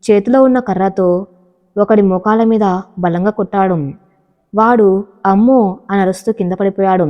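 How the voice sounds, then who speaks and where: A woman narrating a dramatic love story in a steady reading voice, taking on every character's lines herself. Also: medium pitch, big-room sound, highs cut off.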